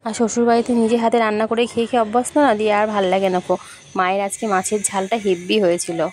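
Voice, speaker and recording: A young woman from West Bengal, talking quickly and brightly to her viewers as she narrates a family trip. Her throat is sore, and a faint hum of surroundings sits behind her voice. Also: mid-range voice, level tone. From West Bengal, India. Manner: friendly, addresses viewers directly. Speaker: vlogger. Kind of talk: chatty travel vlog narration.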